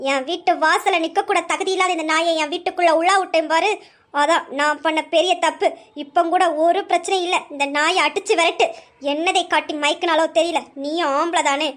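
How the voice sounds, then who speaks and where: A woman's voice: very high-pitched, a bit bright. A woman voicing a spiteful, domineering old grandmother in an audio drama, scornful and commanding. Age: older. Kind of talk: amateur Tamil audio drama.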